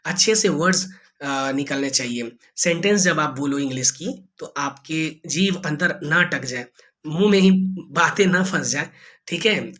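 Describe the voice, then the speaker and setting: A man's voice: fairly high pitch, a bit bright. A man teaching a spoken English lesson in casual Hindi, drawing out vowel sounds and repeating them with corrections. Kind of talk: online lesson, explaining in casual conversational Hindi.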